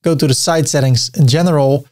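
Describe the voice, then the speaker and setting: Fairly high-pitched, a little mellow, and fairly quick, this middle-aged Dutch man speaks with a Dutch accent as he hosts a screen-recorded tutorial on building websites. His manner is friendly and chatty, with small jokes dropped in while he clicks through.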